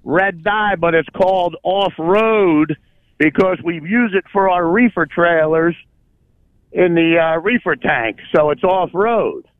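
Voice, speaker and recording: A man's voice: high-pitched, slow pace, dry recording. A man who drives a truck, calling in to a radio show and talking in trucker CB radio lingo, folksy and explanatory. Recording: dull lo-fi phone line.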